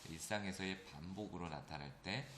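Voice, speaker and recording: A man with a low voice and a bright, forceful tone teaches a grammar class. He explains each point patiently and keeps checking that his students follow along. A faint hum sits behind the recording. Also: roomy sound. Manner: slows down to read English examples aloud.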